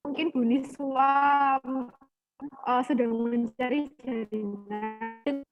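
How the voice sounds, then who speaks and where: A woman's voice: high-pitched, steady tone, takes it slowly, loud music behind the voice. A woman moderating an online meeting whose voice keeps breaking up over a bad connection, answering politely in short repeated words. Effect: choppy audio breaking up over a poor connection. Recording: dull lo-fi online call audio, dry.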